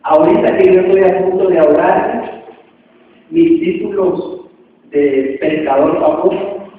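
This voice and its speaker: A man's voice: high-pitched, measured pace, a little hiss or hum. Casting: preacher acting as a drowning fisherman begging to be saved, raised voice, tinny far-off hall sound. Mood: desperate pleading. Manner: pleading, repetitive cries. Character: desperate drowning fisherman crying out to God.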